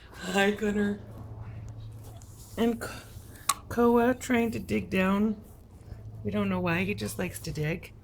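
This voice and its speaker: A woman filming her puppies at home, chatting casually to the camera and slipping into high, sing-song baby talk with the dogs. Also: a little hiss or hum. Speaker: dog breeder. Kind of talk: casual vlog talking to puppies. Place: home puppy room, indoors.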